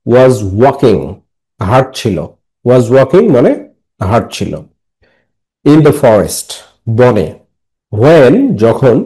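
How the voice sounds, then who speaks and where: A man's voice: medium pitch, warm tone, poor audio. A man teaching an English lesson to young students, reading a story line by line and translating and repeating each phrase patiently. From Bangladesh.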